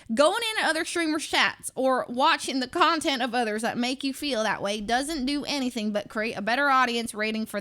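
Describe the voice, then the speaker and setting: A woman streamer with a somewhat high voice reads a book aloud in a casual, playful accent exercise. She moves between Southern, British and valley girl accents, restarting words and adding off-hand asides as she reads. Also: a bit bright. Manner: stumbles and restarts while reading. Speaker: live streamer.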